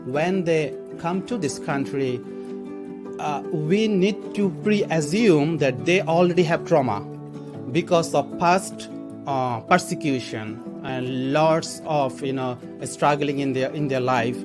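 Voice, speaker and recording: A man from Bangladesh who works for a literacy program, speaking earnestly in an interview and often restarting his phrases. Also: on the high side. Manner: earnest, explanatory, with halting restarts. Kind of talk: documentary interview segment. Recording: interview over background guitar music.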